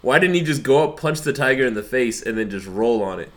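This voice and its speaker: A man's voice: medium pitch, animated, fast talker. A man co-hosting a casual podcast, joking and teasing in banter. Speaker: podcast co-host.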